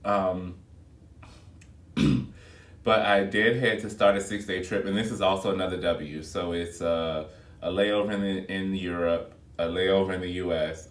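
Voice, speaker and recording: Here a low-voiced flight attendant chats away to his viewers on a phone video, addressing them as y'all. His vlog talk is casual and expressive. The room echoes, and the phone mic is held back some way.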